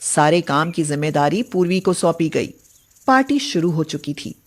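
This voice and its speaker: A woman narrating a moral story in calm, steady scripted narration. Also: deep voice, moderate pace.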